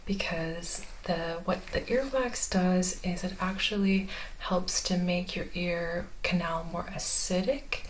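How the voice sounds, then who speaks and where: Slow soft-spoken woman, ear-exam ASMR role-play. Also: lowish voice, slight background noise, low-quality recording. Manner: gentle ear-exam ASMR, explaining step by step. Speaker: clinician giving an ear exam.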